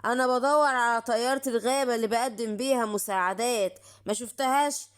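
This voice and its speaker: A woman's voice: fairly high pitch, fairly even intonation, quick pace, clean tone, voice pushed down, natural voice. A woman with an Egyptian accent voicing a kind, helpful young boy lion cub in a children's bedtime cartoon, talking earnestly and politely. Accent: Egyptian Arabic.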